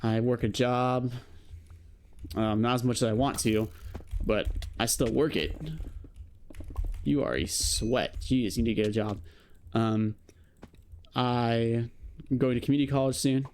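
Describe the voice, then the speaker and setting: A young adult man, late teens, gives a rambling, reflective to-camera vlog monologue stuffed with fillers and "you know." His voice is medium in pitch and darkish, measured in pace, and he pauses often, with a little hiss or hum underneath.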